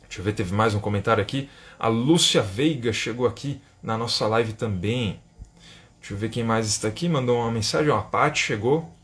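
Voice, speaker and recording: A man's voice: on the low side, a little fast, fairly bright tone. A Brazilian man with a Brazilian Portuguese accent, an English teacher giving a live-stream lesson and reading viewer comments, tagging his sentences with a questioning "né?". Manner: chatty, keeps asking "né?", reads viewer comments aloud. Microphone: phone or webcam for an Instagram live.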